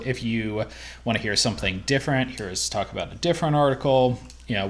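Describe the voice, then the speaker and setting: A man co-hosting a podcast, signing off in a relaxed, rambling way with some fillers. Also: medium pitch. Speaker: podcast co-host. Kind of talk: casual podcast sign-off.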